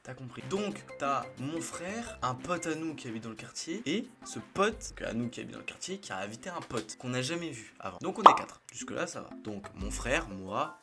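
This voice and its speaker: A man's voice: medium pitch, sing-song, moderate pace, few pauses. A young man, a YouTuber, casually telling funny anecdotes to camera in a slangy, chatty way, often laughing at his own stories. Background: music.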